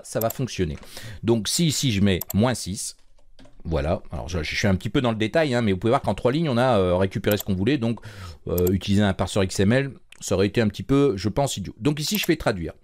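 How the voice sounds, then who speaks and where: A man's voice: on the low side, a little mellow. A man teaching a coding tutorial in a casual, chatty way, with many fillers and restarts. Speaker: programming course instructor. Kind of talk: screen-recorded coding tutorial.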